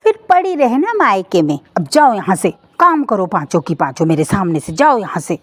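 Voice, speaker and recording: A woman voicing a harsh, taunting mother-in-law who shouts at her daughters-in-law in an animated story. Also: mid-range voice, normal speed. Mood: scolding.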